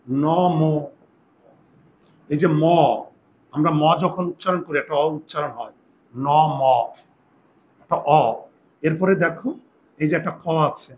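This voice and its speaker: A man with a fairly high voice teaches a classroom grammar lesson, spelling out rules slowly and deliberately. He keeps turning to his students with short questions and tells them what to write down. Faint background noise runs under the recording. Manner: slow, deliberate dictation with repeated questions to students.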